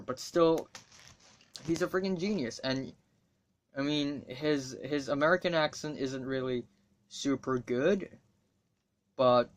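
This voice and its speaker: With a fairly bright voice on the high side, a teenage boy from Hong Kong, Cantonese being his first language, vlogs as a student. He talks casually to camera, drifting from point to point, cursing freely and adding wry quips.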